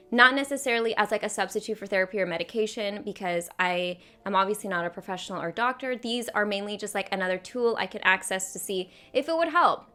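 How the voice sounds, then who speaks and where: A woman's voice: on the high side, pushed and bright. A young woman vlogger talking casually to camera about books she has read, often saying "like". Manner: chatty, frequent "like" fillers.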